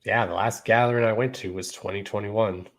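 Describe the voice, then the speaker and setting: A man in his thirties hosts his own podcast, speaking casually and laid-back to viewers and repeating "you know" and "y'all." His voice is on the low side, with fairly even intonation at a fairly quick pace.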